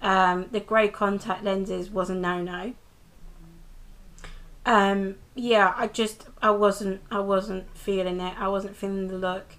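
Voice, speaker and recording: With a level, medium-pitched voice that's a bit bright, a young woman from the United Kingdom speaks slowly into a handheld camera close to her face. She rambles casually through a review of a TV episode, often restarting and saying um.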